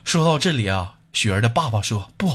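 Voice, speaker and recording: A man's voice: medium pitch, animated, brisk, slightly rough. A male host with a Northeastern Mandarin accent, telling jokes in a teasing style. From Northeast China. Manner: jokey, teasing asides. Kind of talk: comedic joke podcast. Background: music.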